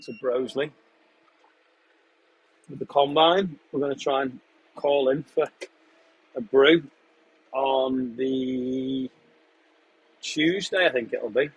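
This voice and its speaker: Young man, husky, mid pitch; easygoing live-stream chat from a tractor cab, answering viewer questions. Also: slow pace, pauses often, poor audio. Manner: relaxed, chatty, answers questions between running commentary on the job. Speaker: farm contractor live-streaming while spraying a field. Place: inside a tractor sprayer cab, in a field.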